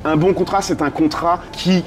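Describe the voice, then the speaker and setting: Speaking at a moderate pace with a fairly high, fairly even voice, a business consultant from France and the United States answers interview questions in a conversational way. He drops in English business terms, with faint music and clearly noisy ambience in the background.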